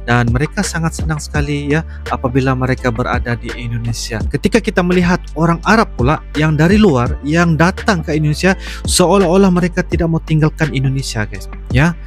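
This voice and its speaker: A man's voice: on the high side, brisk. A man giving wordy, repetitive, casual reaction commentary as a video host. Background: music.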